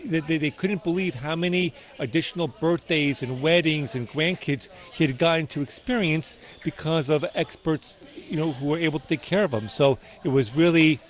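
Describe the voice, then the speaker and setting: A man's voice: a little high, normal speed, few pauses. A middle-aged man answering interview questions as a doctor, earnest and somewhat hesitant, correcting himself as he goes.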